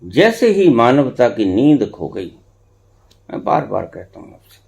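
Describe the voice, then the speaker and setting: Slow, expressive male spiritual teacher. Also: medium pitch, gravelly. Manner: slow, swings between hushed and emphatic, repeats phrases for effect. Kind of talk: discourse to followers.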